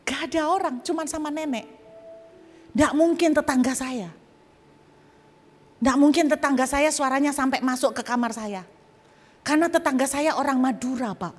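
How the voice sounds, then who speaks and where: A woman's voice: high voice, measured pace, long pauses. A woman pastor giving a testimony sermon in a church auditorium, telling her story animatedly with sound effects and asides to the congregation. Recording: reverberant church hall.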